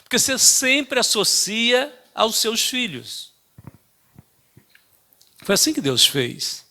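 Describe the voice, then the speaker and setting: An older man preaching a sermon, telling a story in an emphatic way with many halting restarts. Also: very high voice, sing-song, bright, forceful tone. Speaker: pastor.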